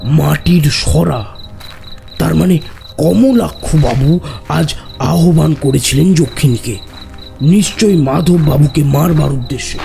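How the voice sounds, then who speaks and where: A grave tantric storyteller, played by a man speaks slowly in a gravelly, measured voice. His tale comes from an audio horror drama. Loud music and chirping crickets sit behind it. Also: a little high. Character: gruff older male tantric storyteller.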